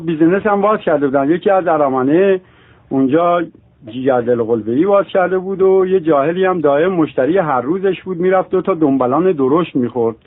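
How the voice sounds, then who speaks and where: A man telling a string of jokes in a lively way, voicing the characters in them. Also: high voice. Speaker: joke teller. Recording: tinny phone-like radio sound.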